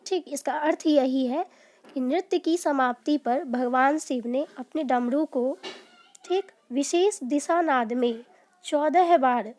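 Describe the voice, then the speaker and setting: A woman's voice: high voice, slow pace, darkish tone. A woman teaching a lesson on quiz questions, explaining each answer step by step and often checking in with her students. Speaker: Sanskrit teacher.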